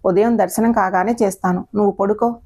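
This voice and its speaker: A woman voicing a gentle older mother who speaks softly and tries to persuade in an audio story. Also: medium pitch, steady tone, a little fast, slightly rough. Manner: soft, coaxing.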